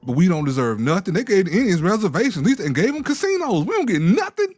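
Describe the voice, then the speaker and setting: A man co-hosting a casual commentary show, talking in an animated, mocking, exasperated way. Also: high voice, quick pace, no echo, soft background music. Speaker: co-host.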